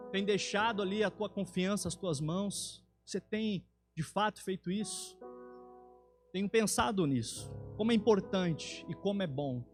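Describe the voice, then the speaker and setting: A man with a Brazilian Portuguese accent preaching a sermon in a church, earnest and rising to emphatic peaks. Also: high-pitched.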